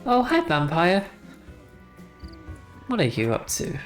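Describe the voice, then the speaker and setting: A woman streaming a game playthrough, her voice low and lively in pitch as she chats with wry asides. She talks at an unhurried pace. Faint music plays under her voice.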